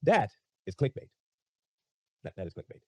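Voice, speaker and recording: A man's voice: mid-range voice, sing-song, moderate pace, breathy edge, no room sound. A man giving casual commentary in a playful, mocking, emphatic way. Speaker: online commentary host.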